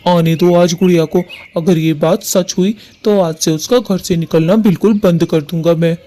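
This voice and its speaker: A man's voice: high-pitched, steady tone, normal speed, mellow, lightly acted. A man voicing a stern, protective father bird in a cartoon who gives firm commands. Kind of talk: Hindi cartoon voice acting.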